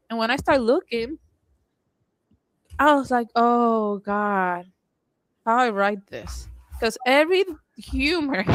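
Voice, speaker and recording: A woman from Puerto Rico with a Puerto Rican Spanish accent, co-hosting a casual podcast chat and telling animated stories, often laughing and acting out what she said. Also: fairly high pitch, dry recording, rough recording. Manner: animated storytelling, laughs often, quotes herself. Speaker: podcast co-host.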